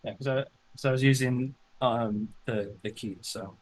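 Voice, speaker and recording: Player guy, slow and halting, keeps restarting, mid pitch. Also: fairly even intonation, low-quality recording. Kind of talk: casual tabletop game talk.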